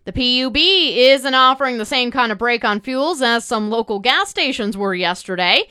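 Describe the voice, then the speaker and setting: Bright, crisp-reading woman radio announcer. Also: a little high, expressive, normal speed, no room sound, studio quality. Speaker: radio news and weather announcer. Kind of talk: scripted news and forecast reading.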